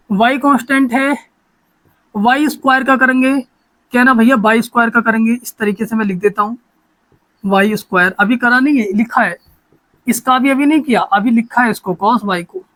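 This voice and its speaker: A man's voice: extremely high pitch, a bit bright, rough recording. A man teaching a maths lesson, talking in a repetitive, coaxing way and often checking that students follow.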